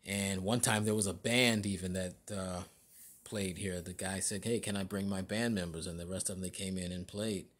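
Husky-voiced man giving a casual tour. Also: deep voice, steady tone, fairly bright tone. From Chicago area. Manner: halting, many fillers and restarts. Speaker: vlogger. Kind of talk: casual walking tour narration. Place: inside a large store, indoors.

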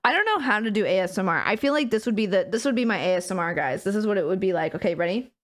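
A woman's voice: mid-range voice, animated, rapid-fire. A woman streamer chatting casually from her desk at home, playful and teasing. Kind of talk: casual chat on a livestream.

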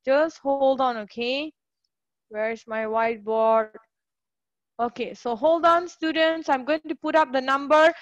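A woman's voice: sits high, fairly even intonation, measured pace, no echo, muffled recording. Upbeat woman tutor in a dry online class. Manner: upbeat, encouraging, praises students often. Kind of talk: live online class teaching.

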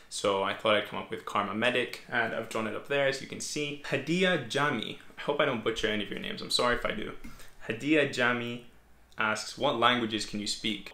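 A Greek medical student in his twenties chats casually through viewer questions in a Q&A vlog, seated at a desk in his small bedroom home office. His mid-range voice sounds pushed and bright, captured by a fixed camera at the desk in an echoey room.

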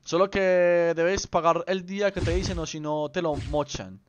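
A man's voice: on the high side, fairly even intonation, normal speed, slight background noise. A young man chatting casually with viewers on a game livestream, playful and rambling, full of slang. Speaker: streamer. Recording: slightly dull lo-fi stream audio.

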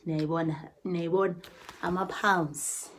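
In her bedroom, a vlogger films a haul on a phone camera at arm's length, her voice on the low side, steady and a little slow. There's slight background noise as she chats casually, repeating phrases and dropping in Zulu words.

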